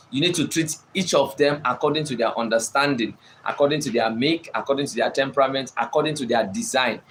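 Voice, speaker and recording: A man's voice: medium pitch, fairly bright tone, slight background noise. A man giving a motivational talk on leadership, repeating his points with emphasis and asking listeners if they follow. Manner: repetitive, emphatic, addresses listeners directly. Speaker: speaker teaching on leadership. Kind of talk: motivational teaching monologue.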